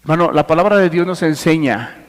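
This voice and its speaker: A man preaching a sermon as pastor, swinging between hushed and forceful delivery and addressing listeners directly. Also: fairly high pitch, expressive, brisk, long reverb tail. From Mexico. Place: church.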